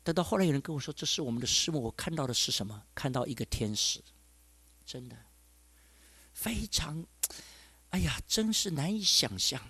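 A man's voice: mid-range voice, lively intonation, fast talker, few pauses, sharp tone, husky, no room sound. A male pastor telling a personal testimony in a sermon, with emotional, exclaiming storytelling.

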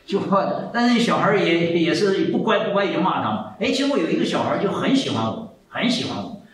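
A man in his seventies preaching a sermon, telling stories with lively, repeated phrases. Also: high voice, brisk. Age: 70s. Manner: animated storytelling, repeats phrases. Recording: echoey hall, mic far off, faint ambience.

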